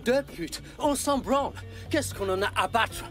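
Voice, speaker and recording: A loud, swaggering fake Scottish lord, crude and brash. His pitch swings widely as he shouts over the others, with music under the scene. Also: lively intonation, rapid-fire. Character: brash foul-mouthed man posing as Scottish lord. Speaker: man posing as a brash Scottish guest.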